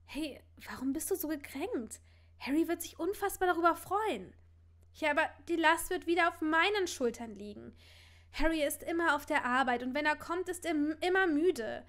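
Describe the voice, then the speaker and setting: A woman's voice: high voice, expressive, moderate pace, a bit bright, pitched above the performer's own voice. A woman voicing an eager, gossipy young woman friend in a fan fiction reading. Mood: sad.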